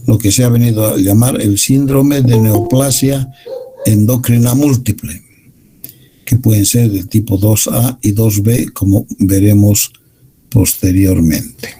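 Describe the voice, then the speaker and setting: A man giving a university medical lecture, explaining slides in a measured way. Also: on the low side, mellow, husky, faint music behind, poor audio.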